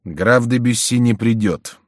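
A man's voice: medium pitch, animated, fairly quick, no echo, studio quality, pitched above the performer's own voice, close to an everyday voice. A man voicing a hot-tempered young French nobleman challenging his rivals, fierce and accusing. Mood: grim.

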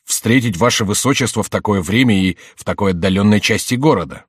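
A man's voice: fairly low pitch, a little fast, slightly rough, dry recording, clean studio sound. A man voicing a young courtier earnestly making excuses.

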